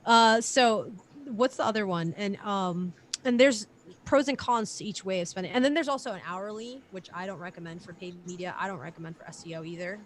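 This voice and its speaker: A woman's voice: medium pitch, brisk, a little hiss or hum. A woman in her late twenties, a digital marketer, chatting loosely on a live stream with lots of fillers and casual swearing. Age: late 20s.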